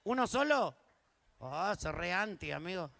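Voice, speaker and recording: A man's voice: sits high, animated, a little slow, gravelly. A man with an Argentine accent telling crude jokes and teasing the crowd from an outdoor festival stage. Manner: crude, teasing, shouted asides. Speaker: stage entertainer. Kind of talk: live stage banter and jokes. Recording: live concert with music. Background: music and crowd.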